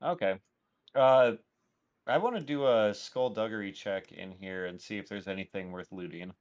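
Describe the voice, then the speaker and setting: A man playing in a tabletop game, calmly explaining his character's moves. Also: lowish voice, moderate pace. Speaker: player. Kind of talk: casual tabletop play.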